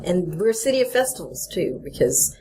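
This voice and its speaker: Texas woman, middle aged, lowish voice, laughs a lot, chatty interview guest, bit of hiss behind. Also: sing-song, fairly quick, mellow. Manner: laughs often, chatty with many "you know"s. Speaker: festival organizer guest. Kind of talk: casual interview chat. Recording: faint background noise.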